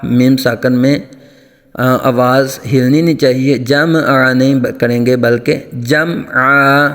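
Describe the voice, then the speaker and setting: A man's voice: medium pitch, little pitch movement. Quran teacher man with echoing reverb. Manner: quick spoken explanations between slow melodic chanted verses. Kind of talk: tajweed lesson with chanted recitation. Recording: long reverb, faint music.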